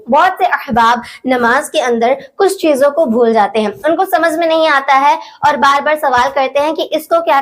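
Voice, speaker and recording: A woman, teaching how to recite prayers and carefully drawing out each sound to demonstrate it. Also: high-pitched. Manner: careful, drawn-out demonstration of pronunciation. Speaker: religious teacher. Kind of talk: instructional talk on prayer recitation.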